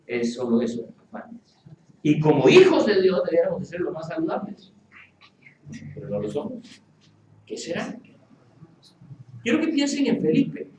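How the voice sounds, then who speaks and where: Male pastor, animated and playful sermon delivery, heard from a distance in a roomy church. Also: sits high, a little hiss or hum. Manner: animated, playful, acts out quoted voices. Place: church hall with congregation.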